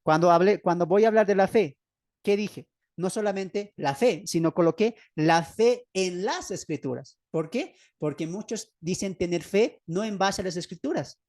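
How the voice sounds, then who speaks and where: A man's voice: high voice, moderate pace, a little mellow, dry recording, clean studio sound. Bolivian man teaching a Bible lesson. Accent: Bolivian Spanish. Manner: asks the listeners rhetorical questions, then answers them; emphatic, repeats key phrases. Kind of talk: online Bible study lesson. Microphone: video call.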